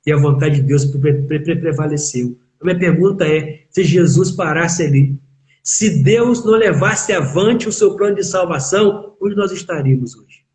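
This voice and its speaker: A pastor with a Brazilian Portuguese accent preaches in a fairly high voice for a man. He drives his points home with repeated rhetorical questions and rising emphasis, speaking as if to a live online audience. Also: moderate pace, darkish tone. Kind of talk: sermon in a live online chat.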